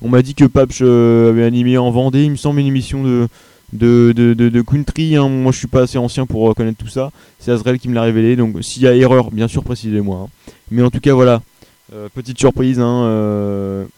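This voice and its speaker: A man's voice: medium pitch, fairly even intonation, a little fast, warm tone, smooth, dry recording. A young man from France hosting a live web radio show in casual chat, hesitant and full of fillers and restarts.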